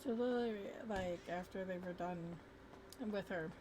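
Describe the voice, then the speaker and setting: A woman's voice: on the low side, moderate pace, background noise. A woman telling a roleplay character's story in a casual, rambling, informal way while gaming. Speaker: game streamer narrating roleplay character's story.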